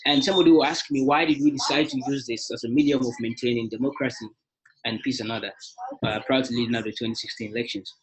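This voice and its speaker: Talking fast over a crowd in the background, this young man from Ghana presents a webinar as his alumni association's president. His medium-pitched voice stays fairly even, though he often uses fillers and restarts, and the audio quality is poor.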